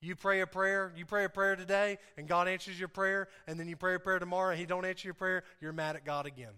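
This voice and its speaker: Bright-voiced, high-pitched male preacher, impassioned. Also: flat delivery, fast, clear, resonant tone. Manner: impassioned, emphatic, repeating phrases for effect; informal, conversational asides. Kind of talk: sermon to a congregation.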